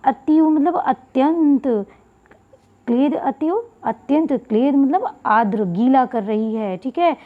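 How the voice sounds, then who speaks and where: A woman's voice: sits high, lively intonation, takes it slowly. A woman teacher explaining a Sanskrit textbook lesson, going word by word and repeating key terms. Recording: tinny phone-like audio.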